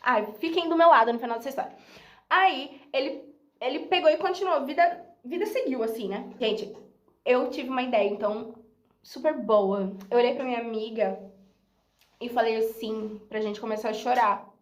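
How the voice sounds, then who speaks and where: A woman's voice: on the high side, moderate pace. A young Brazilian woman with a Brazilian Portuguese accent, telling a story to her viewers in a chatty, dramatic way and laughing often. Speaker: YouTuber. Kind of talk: casual storytelling vlog. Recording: roomy echo.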